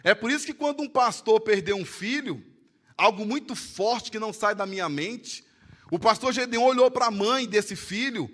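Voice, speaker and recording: A man with a Brazilian Portuguese accent, a pastor preaching a sermon in church, swinging between loud emphatic lines and hushed storytelling. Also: high-pitched, expressive, normal speed. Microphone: live-streamed church service mic.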